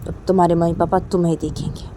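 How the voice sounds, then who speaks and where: Woman voicing a stern middle-aged mother-in-law, firm, scolding, low voice, homemade story reading. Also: fast talker, background noise, natural voice. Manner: firm, scolding, orders to stay calm.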